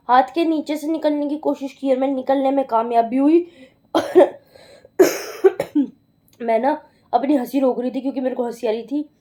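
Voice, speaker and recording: Teen girl, high voice, giggly and chatty, casual home vlog on a phone. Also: dark tone. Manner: giggly, chatty, playfully protesting. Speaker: vlogger. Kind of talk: casual family vlog chat.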